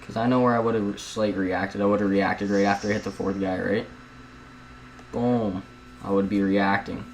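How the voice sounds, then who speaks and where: A young man with a fairly low voice talks through his editing steps at home in a chatty, meandering way. He drifts off topic and keeps turning to his viewers. A faint hiss sits under the voice. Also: steady tone, moderate pace, poor audio. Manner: rambling, chatty, keeps addressing viewers as guys. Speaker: video editing tutorial host. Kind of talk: casual screen-recorded tutorial.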